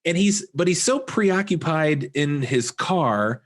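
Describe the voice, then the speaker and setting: A man co-hosting a podcast, talking through a horror movie in a loose, chatty way. His pitch sits a bit high and leaps all over the place, and he laughs easily and slips into quick impressions of the characters. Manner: animated, laughs often, acts out lines. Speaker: podcast co-host. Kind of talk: casual movie-recap chat.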